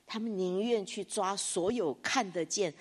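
A woman pastor preaching a sermon, swinging between hushed low reflection and high, loud emphatic bursts. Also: a little slow, husky. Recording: long hall reverb.

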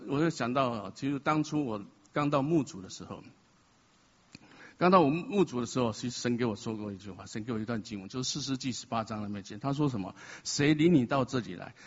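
Husky-voiced man giving an emotional testimony. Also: medium pitch. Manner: emotional and confessional, with self-mocking humor. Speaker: church member sharing a testimony. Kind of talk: personal testimony at a church gathering. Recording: dull sound in a reverberant hall.

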